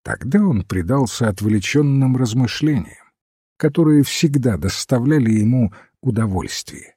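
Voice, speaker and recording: Slow, husky male audiobook narrator. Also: mid-range voice, no room sound, clean studio sound. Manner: measured, even storytelling. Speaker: audiobook reader. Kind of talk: scripted narration.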